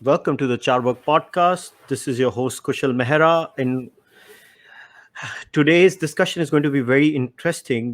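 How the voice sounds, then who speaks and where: A man hosting a podcast interview, laying out his ideas step by step in an explanatory way. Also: mid-range voice. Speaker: podcast host. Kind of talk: casual interview.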